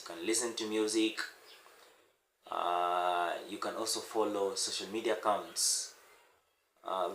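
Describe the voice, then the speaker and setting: This language teacher, a Swahili-speaking man, talks through a casual lesson to camera in a fairly low-pitched, fairly bright voice. He's unscripted, repeating words and pausing with many "uh"s, while the echoey room adds faint noise.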